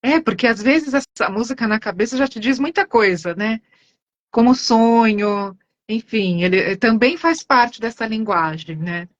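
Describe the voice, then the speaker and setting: A woman's voice: fairly high pitch, moderate pace, no room sound, muffled recording. A woman hosting an interview, encouraging with brief affirmations. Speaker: interview host. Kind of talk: casual conversation.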